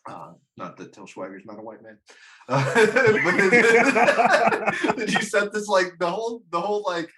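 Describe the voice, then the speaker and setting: Hosting a casual film discussion show, a man with a high, sing-song voice gives his movie opinions bluntly and jokingly, swearing freely. He takes his time, and a crowd can be heard behind him.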